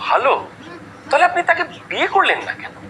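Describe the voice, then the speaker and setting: Guy acting as a sarcastic middle-aged dad, high lively voice, music going. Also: a little fast, noisy background. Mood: scolding. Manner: mocking, quarrelsome. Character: sharp-tongued middle-aged father, quarrelsome. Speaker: actor. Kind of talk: comic drama acting. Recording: dialogue over loud background music.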